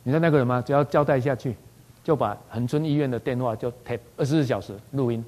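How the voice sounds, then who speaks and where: A man with a Taiwanese Mandarin accent, a doctor telling a personal story in an animated way, often repeating words as he goes and slipping into Taiwanese phrases. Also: medium pitch, fast. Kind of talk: spoken personal anecdote.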